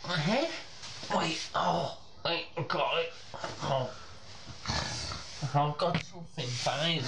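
A man's voice: a little high, slow. A man bantering casually while taking part in a challenge, recorded indoors at home. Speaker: challenge participant. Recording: echoey room with clear noise.

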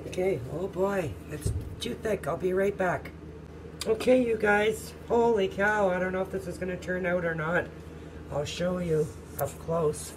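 A man talks his way through a home how-to, chatty and unhurried, with plenty of ums along the way. He sits back from the microphone in a kitchen, and an air conditioner hums clearly behind him. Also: high-pitched. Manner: chatty, thinking aloud with fillers. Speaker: soap-making vlogger. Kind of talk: casual how-to vlog. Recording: distant mic, air-conditioner hum.

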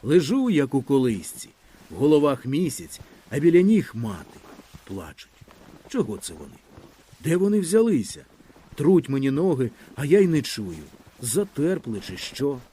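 A man reading a literary story aloud with lively, expressive storytelling in a boy's first-person voice. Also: mid-range voice, normal speed, husky. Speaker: audiobook narrator.

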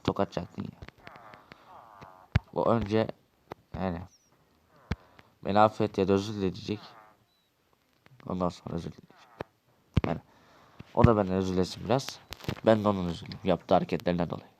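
A man's voice: deep voice, steady tone, a little fast, gravelly, pauses often, a little mellow, a little hiss or hum. A man acting out a quarrelsome, swearing Minecraft role-play dialogue.

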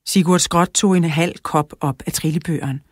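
A woman narrating a children's audiobook in a clear, even storytelling manner, close to the mic. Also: low voice, dry recording. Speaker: audiobook reader.

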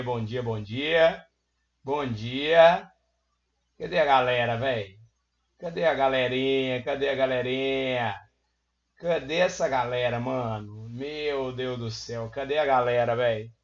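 A hoarse man hosting a live stream, chatting casually, greeting viewers over and over and muttering while he fiddles with settings. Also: mid-range voice. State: hoarse, losing his voice. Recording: lo-fi stream audio.

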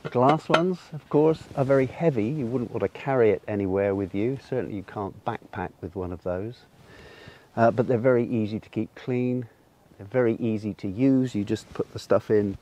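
An older man, mic clipped to his lapel, patiently talks through a solar cooking demonstration out in a garden, saying "um" a lot. His voice is lowish and mellow, and the talk is unscripted.

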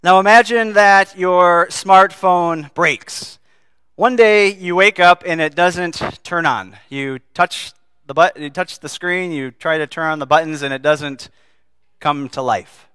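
A man preaching an earnest sermon to his congregation, his voice bright and forceful. The sound is crisp and resonant, recorded dry and close with no room echo. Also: high-pitched, slow pace. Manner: earnest, asks the congregation questions. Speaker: pastor. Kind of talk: sermon with scripture reading.

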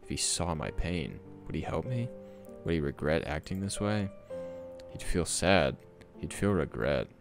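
A cheerful but secretly sad teenage girl, as a man reads her lines in a deep voice. The reading is plain and a bit gravelly. Music plays steadily in the background. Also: big pitch swings, unhurried, heavily acted. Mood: sad inner monologue. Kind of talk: reading game dialogue aloud.

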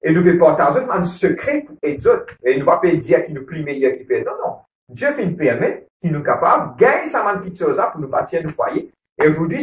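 A man's voice: a little high, far from the mic, a little hiss or hum. Earnest Mauritian man in an echoey room. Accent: Mauritian Creole. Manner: earnest, repeats phrases and often checks with "ok?". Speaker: married churchgoer speaking on a couples program. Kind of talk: casual church talk on marriage. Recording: roomy echo, voice from away from the mic.

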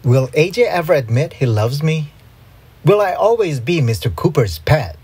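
A woman's voice: deep voice, slightly rough. A woman reading a children's storybook aloud, voicing the characters. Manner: slow, lively read-aloud with voiced characters. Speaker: storybook reader.

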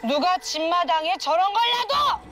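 A man voicing an angry female shaman who sees a ghost in the house, with a shrill, scolding tone. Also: expressive, normal speed.

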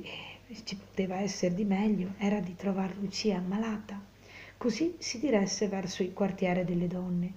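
A woman reading a classic novel aloud and pausing to explain it in conversational asides. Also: medium pitch, mellow, muffled recording. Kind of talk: storytelling with commentary.

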